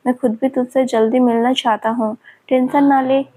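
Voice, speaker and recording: A woman's voice: high voice, fairly even intonation, normal speed, dark tone. A woman voicing a taunting, leering male villain who has escaped from an asylum, in her own narrating voice. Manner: mocking and leering.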